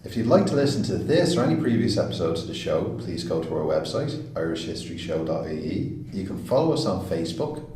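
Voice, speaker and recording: Deep-voiced male podcast host, far off. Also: very animated, brisk, mellow. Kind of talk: scripted intro and interview questions. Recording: roomy, distant mic with faint noise.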